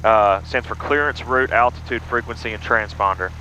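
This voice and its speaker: A man's voice: medium pitch, normal speed, bright, forceful tone. A man who is a pilot, casually explaining procedures from inside a small airplane cockpit. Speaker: pilot and flight vlogger. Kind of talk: casual explanatory cockpit narration with radio calls. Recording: muffled cockpit audio with engine noise.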